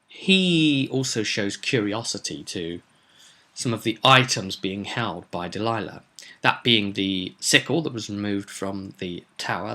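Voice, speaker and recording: Acting as game master for a tabletop roleplay, a man gives a casual spoken recap of events. His fairly low voice is pushed and bright, and he lays things out emphatically, the way a storyteller would.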